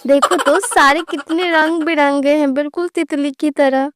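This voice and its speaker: A woman's voice: sits high, fairly even intonation, measured pace, a bit bright, no echo, clean studio sound. A woman voicing a cheeky young daughter-in-law in a cartoon story, who teases people and laughs at the wrong moments. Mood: teasing.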